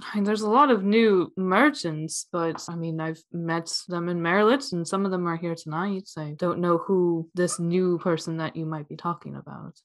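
Low-voiced woman running a tabletop game. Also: normal speed, few pauses. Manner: laughing often, voicing characters. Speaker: game master.

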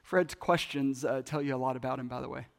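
A man's voice: medium pitch, fairly even intonation, brisk, gravelly. A man preaching a sermon, animatedly telling a story and acting out both sides of a conversation. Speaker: pastor. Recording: long hall reverb.

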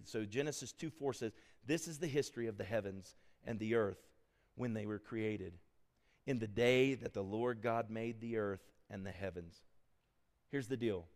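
A man's voice: fairly low pitch, big-room sound. A man, a pastor, preaching a sermon in a church sanctuary, quizzing his congregation as he goes.

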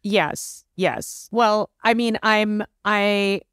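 A woman's voice: medium pitch, extremely slow, smooth, no room sound, studio quality. A woman co-hosting a podcast in casual chat, laughing often and asking curious questions. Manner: giggly, warmly reactive, curious questions. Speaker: podcast co-host.

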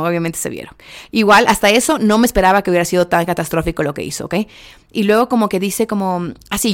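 Chatty young woman reviewing TV. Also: medium pitch. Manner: chatty, keeps asking viewers "¿ok?"; sprinkles English words into speech. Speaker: reality TV reviewer. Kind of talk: casual review vlog.

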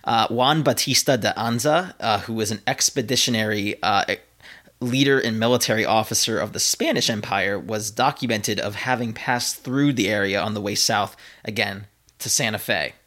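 A man's voice: lowish voice, moderate pace, a bit bright. A man co-hosting a podcast, telling a history story in a laid-back, giggly way with lots of fillers. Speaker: podcast co-host. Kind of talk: casual history chat.

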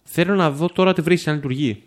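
A man taking part as a guest player in a mystery game thinks aloud and asks curious questions about the room. His voice is fairly high-pitched, with slight background noise.

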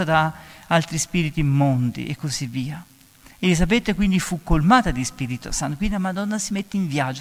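A man, a priest, giving an emphatic homily, raising his voice on key phrases. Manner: emphatic preaching, often rising in pitch and volume on key phrases. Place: church. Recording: long reverb of a church.

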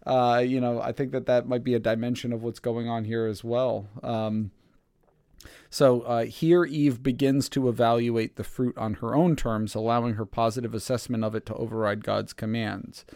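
Halting man leading a Bible chat. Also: mid-range voice, fairly even intonation, a little mellow, clean tone, no room sound, clean studio sound. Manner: thoughtful, halting, many fillers. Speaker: Bible study podcast host. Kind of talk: casual Bible study discussion.

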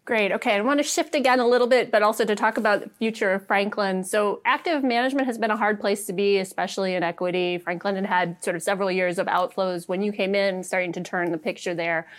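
A woman's voice: medium pitch, steady tone, fast, hardly any pauses. A woman interviewing a guest on a podcast in a conversational style.

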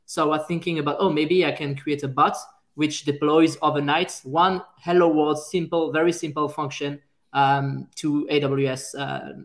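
A man with a French accent and a slightly higher voice speaks as an interview guest. He talks casually and pauses often with fillers, circling back to restart his sentences. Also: flat delivery. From France. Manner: hesitant, many fillers and restarts. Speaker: guest, software engineer.

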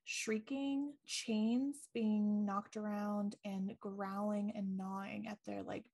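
A woman's voice: mid-range voice, flat delivery, takes it slowly, a little mellow. A woman co-hosting a podcast, casually retelling a ghost story with lots of ums and likes. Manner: chatty, many ums and likes, laughs easily. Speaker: podcast co-host.

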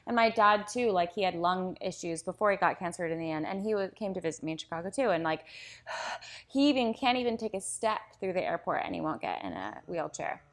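A woman chatting casually and openly about her family, with a lively storytelling manner. She acts out other people's lines as she goes. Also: fairly low pitch, brisk. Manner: candid storyteller, animated impressions. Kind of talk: casual chat.

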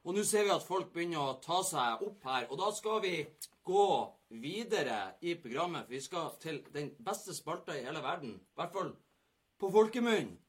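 Man host, husky, animated pitch, fast casual banter. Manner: lively, joking, hurried at times. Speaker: podcast host. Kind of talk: casual sports talk show.

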